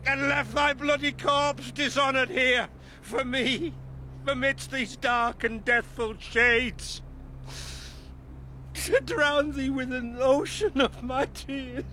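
A man's voice: high-pitched, expressive, slow, a bit bright, slight background noise, heavily acted. An actor playing a grief-stricken aging father who declaims anguished verse over a murder in a classical play. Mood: grieving.

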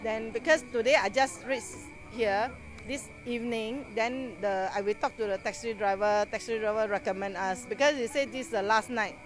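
A woman from Singapore, speaking in an unhurried way and searching for words in a vox pop interview. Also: fairly high pitch. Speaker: festival-goer. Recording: music playing behind.

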